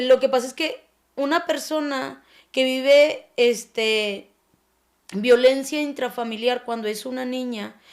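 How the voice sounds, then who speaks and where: A woman with a Mexican accent recounting her own story as an anonymous podcast guest, halting and often trailing off softly while she searches for words. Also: fairly high pitch, creaky. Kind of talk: personal testimony on a podcast.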